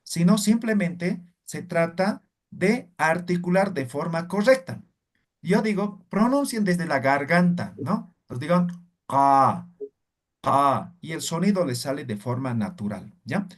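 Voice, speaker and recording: Lively high-pitched man teaching a class. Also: unhurried. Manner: explanatory, checks in with frequent "¿ya?" and "¿no?"; demonstrates sounds aloud. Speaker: language teacher. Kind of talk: online language lesson.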